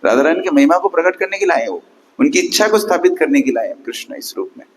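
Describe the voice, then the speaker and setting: On a low-quality recording, a preacher gives a Sunday class sermon fast, in a fairly high voice with lively intonation. He's emphatic, questions his listeners rhetorically, and sometimes counts and chants aloud.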